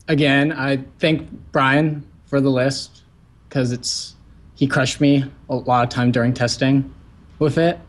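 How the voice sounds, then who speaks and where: A man being interviewed after winning a card game tournament, talking casually and hesitantly, with many fillers. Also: medium pitch. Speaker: tournament winner guest.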